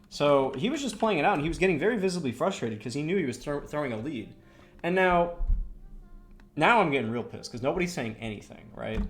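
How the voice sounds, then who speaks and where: Rambling, foul-mouthed young man telling a story. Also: medium pitch. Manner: rambling, swears a lot, many fillers. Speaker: streamer. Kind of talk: casual storytelling while drawing.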